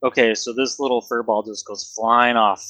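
A man narrating a tabletop fantasy game as game master, conversational and halting as he improvises scenes. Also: medium pitch, steady tone, sharp tone.

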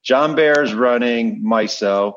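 A man's voice: medium pitch, takes it slowly, dull audio. A man co-hosting a podcast in casual, conversational talk. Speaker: podcast co-host. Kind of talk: casual chat.

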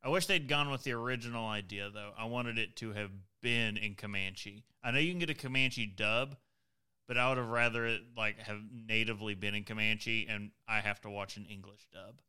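A man's voice: on the low side, normal speed, bright, forceful tone, smooth. A man co-hosting a podcast, joking and rambling in casual chat. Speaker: podcast co-host.

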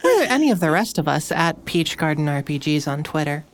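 A woman player in casual chat, speaking in a measured way. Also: low-pitched, very animated.

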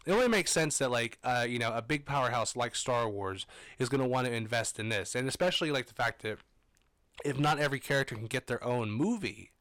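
A man's voice: medium pitch, lively intonation, brisk, a bit bright, no echo. A man co-hosting a podcast, chatting casually and conversationally about films and shows, rambling with frequent asides. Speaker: podcast co-host. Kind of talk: casual film and TV fan chat.

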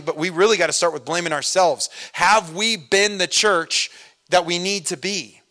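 Guy preaching, kinda high voice, chatty and loose, gets loud then drops soft. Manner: conversational preaching, many fillers and asides; swings from loud emphasis to soft storytelling. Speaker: pastor. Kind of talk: sermon.

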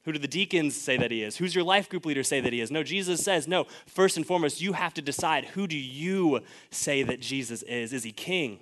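A man's voice: fairly high pitch, quick pace, few pauses, fairly bright tone. A young man preaching a sermon in a church, driving home his point with repeated rhetorical questions. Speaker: pastor. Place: church sanctuary.

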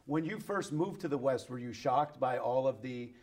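A man's voice: mid-range voice, moderate pace, a little mellow. A man hosting an interview show, asking questions and backing up his guest with short replies. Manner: friendly, with brief affirmations. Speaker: host. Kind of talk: casual interview conversation.

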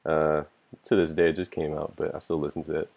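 Super deep monotone dude, loose chatty guest, swears a bit. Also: male voice, brisk, vocal fry, a little hiss or hum. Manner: loose, enthusiastic, swears casually, many likes and you knows. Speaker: podcast guest. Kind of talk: casual music chat.

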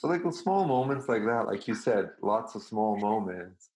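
A man's voice: on the low side, sing-song, moderate pace, a little mellow, low-quality recording. A man from Serbia, a guest musician talking reflectively and searching for his words. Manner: thoughtful, searching for words, frequent restarts. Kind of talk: reflective casual conversation.

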